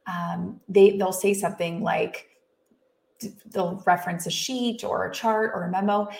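A woman's voice: medium pitch, fairly even intonation, unhurried, creaky, darkish tone, roomy sound. A woman hosting a podcast, asking rambling, casual questions full of restarts and fillers. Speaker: podcast host.

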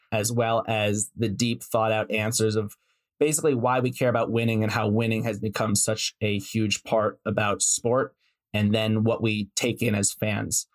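A man hosting a sports podcast, reading a scripted introduction and asking interview questions in an earnest, enthusiastic way. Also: on the low side. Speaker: podcast host.

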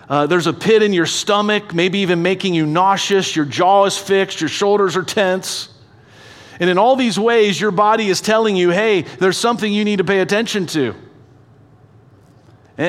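A man preaching a sermon in an earnest, conversational way, asking the audience questions and slowing down, sometimes dropping to a hushed voice for emphasis. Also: high-pitched, big-room sound. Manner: slows down and drops to a soft, hushed voice for emphasis. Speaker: pastor.

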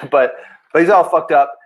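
A man's voice: fairly high pitch, measured pace, low-quality recording. A man who is a police officer, telling a story in a casual, blunt way full of swearing and restarted sentences. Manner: acts out what people said in raised voices. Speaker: police officer recounting a shooting.

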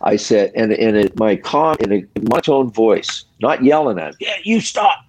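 An older man, a retired hockey referee, telling stories from his career in a casual interview, measured and reflective, in short pausing phrases. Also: on the low side, animated, darkish tone.

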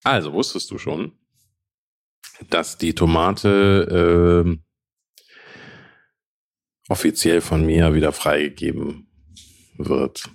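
Very deep-voiced German man, hesitant chat. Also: fairly even intonation, slow pace, creaky, long pauses. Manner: hesitant, many fillers and restarts. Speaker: podcast co-host. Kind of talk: casual chat.

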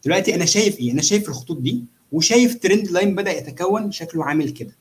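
Male, Egyptian accent, higher-than-average pitch, rapid-fire casual explainer, checks in with listener. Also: lively intonation. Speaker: trader demonstrating chart analysis. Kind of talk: casual live walkthrough of a trading simulation.

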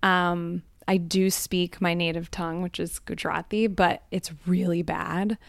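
A woman on the hot seat at a live event, telling personal stories in a candid, reflective way with frequent soft ums. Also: on the low side, little pitch movement, unhurried, gravelly, dry recording, clean studio sound. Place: live event before a small audience.

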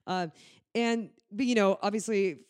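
A man's voice: high voice, steady tone, unhurried, clean tone, no echo, clean studio sound. A man co-hosting a podcast in casual chat, rambling with joking asides. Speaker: podcast co-host.

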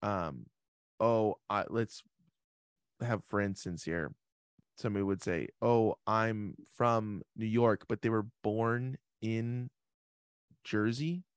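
A man hosting a casual interview, asking curious questions with halting restarts. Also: on the low side, fairly even intonation, smooth, no echo, clean studio sound. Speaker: podcast host.

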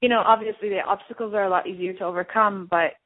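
A woman's voice: mid-range voice, fairly even intonation, quick pace. Woman from Turkey, phone-thin interview. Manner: reflective, with frequent fillers and soft laughs. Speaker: artist and guest. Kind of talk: casual interview answers. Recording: narrow phone-like sound.

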